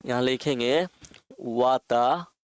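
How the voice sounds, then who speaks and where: Man teaching, repeating words slowly. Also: medium pitch, smooth, dry recording. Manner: repeats words slowly while writing them out. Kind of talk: online exam-prep lesson.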